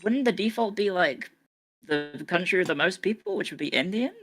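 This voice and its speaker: A woman's voice: on the low side, animated, normal speed, a bit bright. A woman with a mixed, slightly English accent, chatting on a stream in a dry, wry way. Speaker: guest streamer. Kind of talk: casual stream chat.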